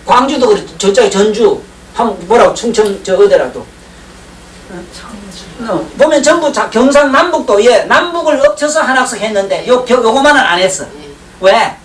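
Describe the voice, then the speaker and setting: A man's voice: extremely high pitch, expressive, moderate pace, recorded from a distance. A man lectures on Chinese classics to a class, rambling from point to point, cracking jokes and checking that his listeners follow. It sounds like an old 1990s lecture tape. The room is echoey, the mic sits well away from him, and a faint hiss runs underneath.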